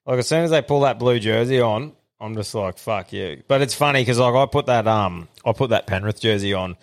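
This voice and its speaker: A man with an Australian accent and a medium-pitched voice hosts a podcast. He banters casually, blokey and quick to swear. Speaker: podcast host.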